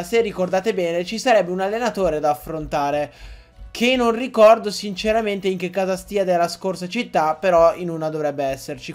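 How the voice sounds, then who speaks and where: A young man giving excitable, joking Let's Play commentary to his viewers, often swearing. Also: high-pitched. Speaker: gaming YouTuber.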